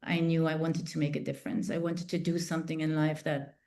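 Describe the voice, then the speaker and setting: A woman's voice: deep voice, flat delivery, fairly quick, mellow. A middle-aged woman from the Netherlands, a podcast guest telling her life story thoughtfully, with many fillers and restarts. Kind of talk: interview storytelling.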